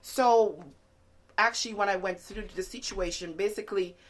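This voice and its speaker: A woman's voice: medium pitch, moderate pace. Woman, interview guest, earnest faith testimony, chatty, filler-heavy. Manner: earnest, many fillers like "like" and "you know"; animated storytelling with laughter. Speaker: guest author.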